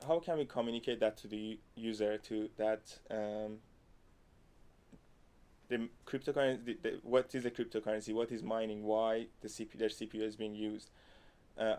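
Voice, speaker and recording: Man, conference presenter, deep voice, clear resonant tone, halting with restarts. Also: a little mellow. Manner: halting, with frequent restarts and fillers. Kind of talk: academic presentation.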